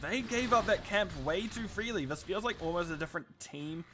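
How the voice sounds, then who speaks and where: A man casting a live esports match, excitable and chatty, with quick laughs between his play-by-play calls. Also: sits high, slight background noise. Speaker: esports caster.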